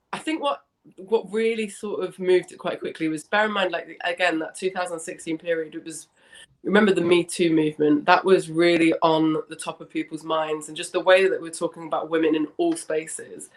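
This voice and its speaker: A young woman, hoarse from a cough with a slight smoker's rasp, chatting in a rambling, self-correcting way as an interview guest. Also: sits low, steady tone, normal speed. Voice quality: slightly husky, smoky rasp. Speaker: interview guest, founder of a women's football fan community. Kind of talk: casual interview chat.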